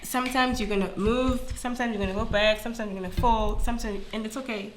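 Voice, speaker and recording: In an interview, a school principal talks fast and earnestly in a high-ish voice, animated and slipping in Zulu phrases. The flu makes her sound nasal, and there's background noise.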